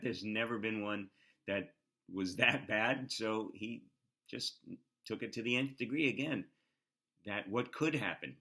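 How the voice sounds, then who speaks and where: Low-voiced, bright male comedy explainer. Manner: relaxed, explanatory, hesitant fillers. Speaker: host.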